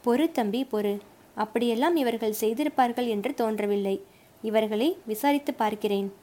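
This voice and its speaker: A woman's voice: on the high side, moderate pace, natural voice. A woman voicing an older male fort commander who speaks with authority and scolds his guards in a storybook reading. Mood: calm. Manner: authoritative, scolding underlings, gentle to the youth.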